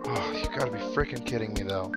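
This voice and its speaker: Over video game music, a man hosting a gaming video offers casual commentary on his playthrough. His voice is lowish and fast as he thinks out loud, now and then exclaiming mildly.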